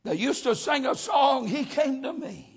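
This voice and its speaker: Male preacher, very high gravelly voice, hollers his sermon in a rising cadence. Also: expressive, unhurried.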